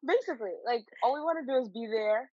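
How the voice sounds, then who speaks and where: A woman's voice: fairly high pitch, fast, breathy edge, no room sound. A woman co-hosting a podcast in a casual, playful, slangy way, sometimes reading aloud. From Zambia. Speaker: podcast co-host. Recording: dull, lo-fi audio.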